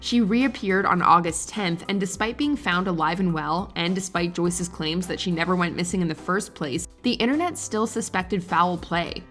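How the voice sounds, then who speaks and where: A woman reading a scripted countdown narration in an even, measured way. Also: on the low side, faint music behind.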